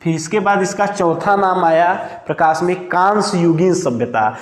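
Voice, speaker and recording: This male teacher's voice sits high and sounds animated as he lectures and dictates notes in a room full of long, echoing reverb. He asks his own questions and answers them, then slows right down to spell out each word as he writes.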